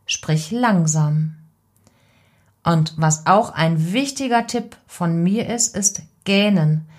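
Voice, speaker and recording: A woman voice coach giving calm, deliberate advice in an instructional podcast. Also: on the low side.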